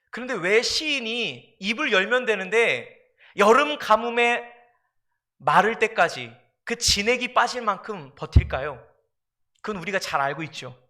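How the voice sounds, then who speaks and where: A male pastor delivering a sermon in a very high voice. His tone is sharp and forceful, and he leans on repeated phrases. He speaks to the congregation directly and emphatically.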